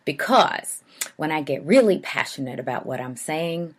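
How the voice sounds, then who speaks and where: Low-voiced woman with an Appalachian accent. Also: lively intonation, normal speed. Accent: Southern Ohio Appalachian. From Southern Ohio Appalachia, United States. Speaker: podcast host and coach. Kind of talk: conversational podcast introduction and chat.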